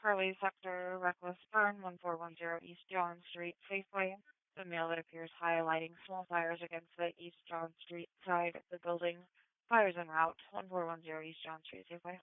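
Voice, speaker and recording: A woman's voice: on the low side, flat delivery, brisk, smooth, no echo. A woman reading out a procedural dispatch over police radio. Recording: narrowband, phone-like police scanner radio.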